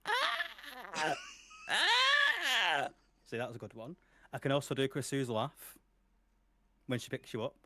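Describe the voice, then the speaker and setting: A man's voice: mid-range voice, fairly even intonation, a little fast, long pauses. A young man, a guest streamer chatting casually on a podcast, laughing often and swearing freely.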